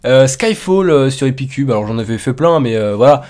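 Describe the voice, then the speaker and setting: A man hosting a casual call with his fans, excitable and teasing, joking and then taking it back, with sudden shouts. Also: mid-range voice, a little fast. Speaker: YouTuber host calling subscribers. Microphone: computer mic on a voice call.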